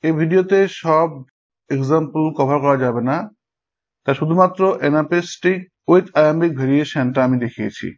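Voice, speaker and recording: A man teaching a lesson, explaining step by step and pausing to check that his students follow. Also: a little high. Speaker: English teacher. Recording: dull lo-fi sound.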